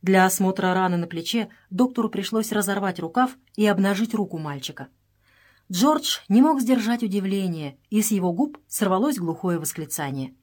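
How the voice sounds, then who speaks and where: A woman reading an adventure novel aloud in steady, measured scripted narration. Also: medium pitch. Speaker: audiobook narrator.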